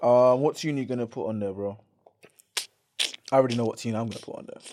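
A man's voice: mid-range voice, fast, dark tone, no room sound. A man with an urban London roadman accent, chatting casually and emphatically in heavy street slang, often repeating himself for effect. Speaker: podcast co-host. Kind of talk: casual banter.

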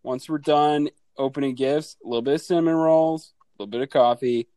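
A man's voice: fairly high pitch, fairly even intonation, a little fast, warm tone, no room sound. A man in his thirties hosting a casual chat, who laughs often, swears freely and acts out family scenes. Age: 30s. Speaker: podcast host.

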